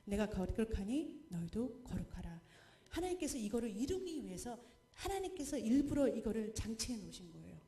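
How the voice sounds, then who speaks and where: 울림 있는 교회에서 설교하는 여성 선교사. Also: female voice, on the high side, echoey room. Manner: lively, asks the congregation questions and acts out quoted pleas. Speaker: missionary preacher. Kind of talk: sermon. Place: church.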